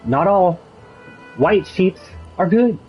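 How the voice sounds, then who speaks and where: Brief: unhurried, digressive male game streamer, faint music behind. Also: sits high, lively intonation, husky, muffled recording. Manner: musing, digressive, with frequent restarts. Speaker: gaming streamer. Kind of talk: casual rambling commentary over gameplay.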